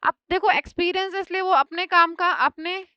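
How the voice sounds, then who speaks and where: A woman teaching English vocabulary for an exam, explaining words with everyday examples and rapid lists of synonyms. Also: extremely high pitch, fairly even intonation, pushed and bright, no room sound, muffled recording. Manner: explains each word with everyday examples and quick checks. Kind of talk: exam-prep lesson.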